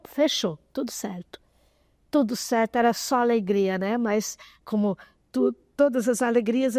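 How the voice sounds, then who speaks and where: A woman in her sixties, a guest in an interview, telling a personal story in an animated way, often close to tears. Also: a little high, no echo. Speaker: interview guest, association president.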